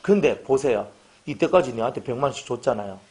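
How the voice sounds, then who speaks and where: A man's voice: mid-range voice, expressive, fast, a little mellow. A middle-aged male pastor preaching a humorous sermon, joking and acting out little dialogues with his congregation.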